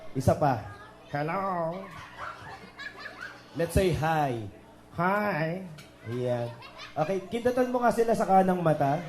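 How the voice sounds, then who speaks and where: A man's voice: on the high side, normal speed, dark tone. A man hosting a children's party as the magician, teasing the guests and leading cheers over a microphone. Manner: joking, teasing, coaxes kids and guests. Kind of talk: lively party hosting with crowd banter. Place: indoor party venue with PA speakers. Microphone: handheld microphone through PA. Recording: echoey PA sound with party music. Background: party music.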